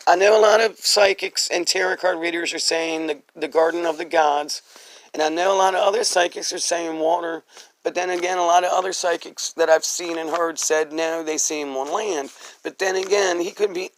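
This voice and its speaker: A man's voice: on the high side, fairly bright tone. A congested man giving a rambling, hesitant tarot reading full of fillers and restarts. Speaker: tarot card reader.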